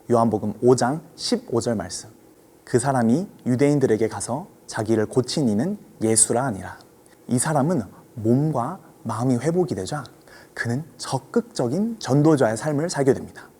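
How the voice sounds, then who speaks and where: Lively, mellow-voiced man preaching to children. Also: mid-range voice, husky. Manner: gentle storytelling, asking the children questions. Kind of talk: children's sermon.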